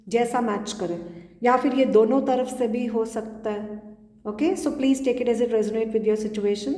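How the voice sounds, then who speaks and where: A woman with a Punjabi accent giving a pick-a-card tarot reading in a calm, repetitive way, slipping between Hindi and English. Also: on the high side. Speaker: tarot reader. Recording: roomy echo with long reverb.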